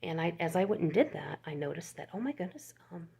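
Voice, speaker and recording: In a fast, expressive delivery, an older woman shows off her crochet for YouTube, chatting and rambling with laughs and restarts. Her fairly low voice is dark and husky, with vocal fry.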